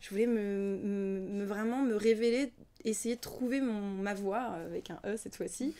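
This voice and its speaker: A woman's voice: medium pitch, normal speed, mellow. A young adult woman, a singer and singing teacher, talking thoughtfully in an interview, hesitating often and sometimes dropping to a near-whisper. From Ukrainian family background, raised in France. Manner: thoughtful, hesitant with many fillers, drops to near-whisper at times. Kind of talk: casual interview talk.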